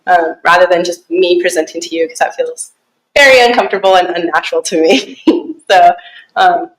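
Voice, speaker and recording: A young woman from Alaska giving a casual presentation to a small group, relaxed and chatty with many fillers and easy laughs. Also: on the low side, moderate pace, rough recording. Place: small conference room.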